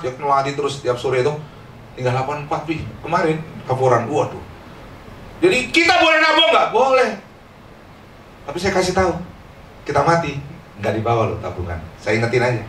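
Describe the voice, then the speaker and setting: A middle-aged man, a pastor, preaching a lively, joking sermon and calling on the congregation to say amen. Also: mid-range voice, slight background noise. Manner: lively and joking, calls for amens. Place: church. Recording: echoey church hall, distant mic.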